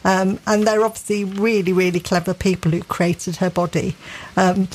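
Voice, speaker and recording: A woman's voice: medium pitch, flat delivery, moderate pace, darkish tone. A middle-aged woman from England with a Derbyshire accent, co-hosting a radio gardening show in chatty, enthusiastic casual talk full of fillers and restarts. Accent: English, Derbyshire.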